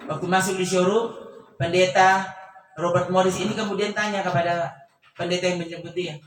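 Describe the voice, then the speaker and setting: A woman pastor with a Manado Malay accent preaching a storytelling sermon, animated and swinging from hushed asides to loud exclamations. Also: fairly low pitch, a little fast. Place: church hall. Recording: echoey church hall, mic far off, faint background noise.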